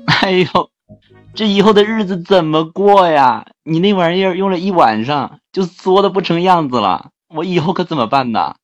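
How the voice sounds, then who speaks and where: A man voicing a tearful young bride in a joke, wailing in a high, whiny falsetto. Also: animated, normal speed, dry recording, muffled recording, soft background music. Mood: wailing, distraught.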